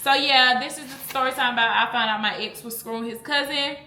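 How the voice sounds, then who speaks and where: A woman's voice: high-pitched, fairly even intonation, fairly quick, pushed and bright, echoey room, a little hiss or hum. A woman vlogger telling a storytime in a blunt, chatty way while eating, and she often drifts off topic. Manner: chatty, blunt, easily sidetracked.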